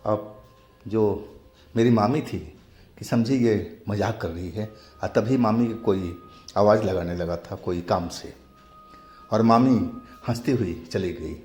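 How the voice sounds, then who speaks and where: A man tells a spooky story at an unhurried, deliberate pace. His voice sits on the low side, with faint music playing behind him. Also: darkish tone. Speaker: horror storyteller. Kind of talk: scripted horror narration. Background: faint background music.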